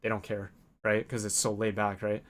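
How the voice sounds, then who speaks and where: A man's voice: lowish voice, monotone, moderate pace. A young man telling a casual travel story, chatty and full of fillers, acting out quotes in his own voice. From North America. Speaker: vlogger.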